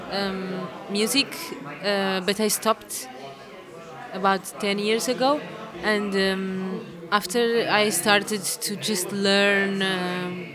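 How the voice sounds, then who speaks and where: Woman, hesitant amateur musician being interviewed, chatter in the background. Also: medium pitch. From Portugal. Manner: hesitant, many fillers and restarts. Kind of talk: casual interview answers. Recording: crowd chatter behind.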